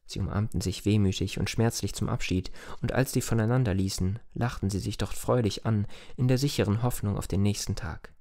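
A man reads a classic tale aloud as an audiobook narrator. His voice is low and mellow, and he tells the story in a calm, measured way. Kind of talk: scripted narration.

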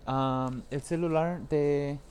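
A man's voice: on the high side, fairly even intonation, slow pace, darkish tone, clear, resonant tone. A young man chatting casually with viewers on a live stream while repairing a phone at his workbench, rambling and laughing as he goes.

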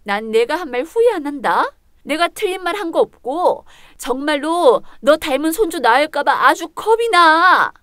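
A cold, scolding mother-in-law with a high, sharp voice, as a woman puts her on. She belittles and nags in a dramatized story reading, recorded dry and close. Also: sing-song, normal speed, no echo. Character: harsh, scornful older Korean mother-in-law.

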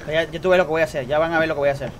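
A man with a high, lively voice streams a game live, talking straight to his chat. He repeats himself in quick bursts. Faint noise sits under his desk mic. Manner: excitable, repeats phrases, addresses chat directly. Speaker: gaming streamer. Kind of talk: live gameplay commentary.

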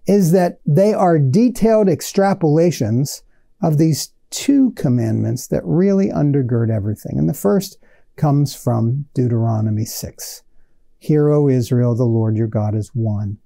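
Male pastor, 40s earnest teaching sermon, dark gravelly timbre, dry close sound. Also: mid-range voice, dry recording. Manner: earnest teaching tone, expressive hand gestures. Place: small studio set with shelves. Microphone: lapel mic.

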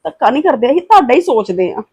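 A woman's voice: high-pitched, sing-song, racing, a little mellow, husky, exaggerated voice. A woman playing a protective, fierce mother in a scripted family drama, firm and defiant while soothing her daughter. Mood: tender. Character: protective, fierce middle-aged Punjabi mother.

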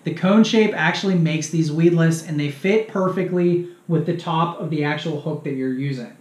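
A man's voice: a little high, normal speed, darkish tone, reverberant. A man in his thirties hosting a casual fishing lesson, upbeat and chatty, talking straight to his viewers from a small room at home. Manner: upbeat, chatty, addresses viewers as "you guys". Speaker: fishing channel host. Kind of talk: casual instructional video.

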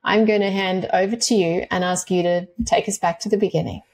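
A woman's voice: on the low side, steady tone, a little fast, darkish tone. A woman in her forties hosting a podcast interview, earnest and thankful toward her guest, speaking on a video call. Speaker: podcast host. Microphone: headset and desk mic on video call.

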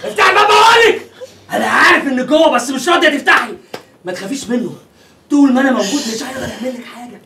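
An actor playing a deranged, lovesick doctor in an Egyptian accent, excitable and pushy, swinging from shouting to crooning. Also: male voice, extremely high pitch, racing, heavy background noise. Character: unhinged lovesick male doctor, pushy and wild. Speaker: deranged suitor.

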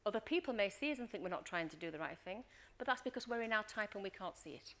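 A woman's voice: medium pitch, quick pace. A middle-aged woman coaching a workshop, telling stories and acting out scenes, often checking in with the room. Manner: lively storyteller, acts out scenes, checks in with "Okay?". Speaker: leadership coach and workshop trainer. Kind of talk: workshop talk with acted-out anecdotes.

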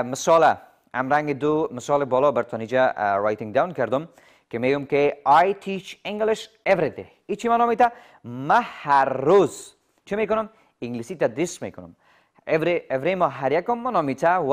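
A man teaching English in a TV lesson, asking viewers questions and repeating examples slowly. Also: a little high. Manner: quizzes viewers with rhetorical questions.

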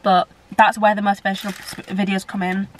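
A woman's voice: medium pitch, little pitch movement, fairly quick, a little hiss or hum, rough recording. A young woman from Britain chatting casually to camera at home, rambling and filling her talk with "like" and "blah, blah, blah". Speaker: vlogger. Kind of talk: casual vlog chat to camera. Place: at home indoors.

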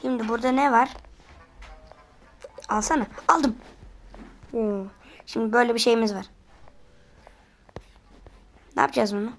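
A woman giving excitable let's-play commentary, often pleading and exclaiming while she plays. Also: fairly high pitch, moderate pace. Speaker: gamer.

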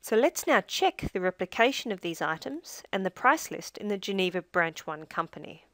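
A woman narrates a scripted software tutorial demo in a measured, instructive way, letting her phrase endings trail downward. Her medium-pitched voice swings widely in pitch, and there's no echo.

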